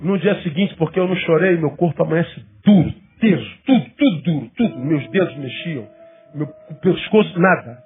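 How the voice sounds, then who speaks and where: A man with a Brazilian accent preaching an emotional sermon as a pastor, his voice breaking with tears at its peaks and sinking low and quiet between them. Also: expressive, moderate pace. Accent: Brazilian Portuguese. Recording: tinny lo-fi recording with faint guitar. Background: soft guitar music.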